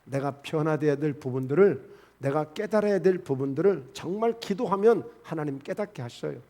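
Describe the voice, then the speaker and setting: A male pastor preaching a midweek sermon in a church, talking plainly to the congregation with many rhetorical questions and quick shifts between loud, emphatic lines and soft asides. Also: a little high, animated. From South Korea. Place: church sanctuary.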